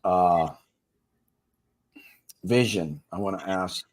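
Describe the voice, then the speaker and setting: A man's voice: sits low, extremely slow. A man hosting a casual livestream for gamblers in recovery, plain-spoken and slangy, coaching listeners directly and laughing easily between points. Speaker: podcast host for gamblers in recovery.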